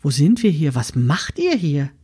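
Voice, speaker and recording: A woman voicing a curious, excitable young girl who asks eager, breathless questions. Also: low voice, a little slow, breathy edge, full character voice.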